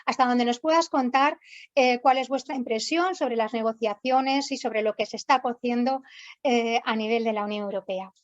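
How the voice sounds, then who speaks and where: A woman's voice: on the high side, normal speed, muffled recording. A woman moderating an online panel as host, introducing guests and putting questions to them, over webinar audio.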